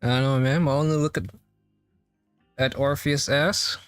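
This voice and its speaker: A man's voice: on the high side, steady tone, normal speed, clear, resonant tone. A man giving casual, crude and profane live commentary as he reacts to a game's story. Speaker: streamer reacting to a game story. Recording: dry mic, faint game music behind. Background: game music and dialogue.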